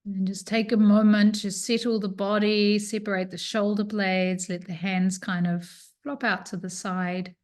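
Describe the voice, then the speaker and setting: Speaking in a mid-range voice and a level tone, a woman guides a yoga nidra relaxation. She moves slowly and soothingly through her instructions, leaving pauses along the way.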